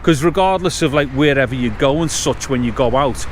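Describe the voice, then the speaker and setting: A man's voice: medium pitch, a little fast. A man chatting casually and thinking aloud as he tests microphones outdoors, with wind on the mic. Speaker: vlogger testing microphones. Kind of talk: casual unscripted gear-test chat. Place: outdoors between blocks of flats. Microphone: action camera internal and external mics.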